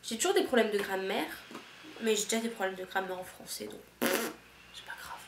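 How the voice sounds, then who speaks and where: A woman's voice: medium pitch, expressive, brisk, noisy background. A young woman from France, an au pair, chatting frankly to camera in a rambling, slangy way with many restarts. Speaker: au pair vlogger. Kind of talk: casual chat to camera. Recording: echoey room with faint ambience.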